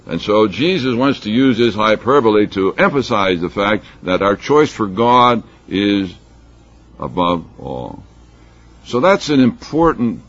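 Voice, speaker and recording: Husky low-voiced man preaching, lo-fi. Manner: emphatic, reads scripture aloud with rising force, fillers and restarts. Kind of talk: sermon. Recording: dull lo-fi recording.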